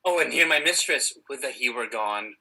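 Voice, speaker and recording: A man playing a curious, excited fairy servant in theatrical, declamatory Shakespearean stage verse. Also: mid-range voice, moderate pace, gravelly, heavily acted, rough recording. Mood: curious, teasing.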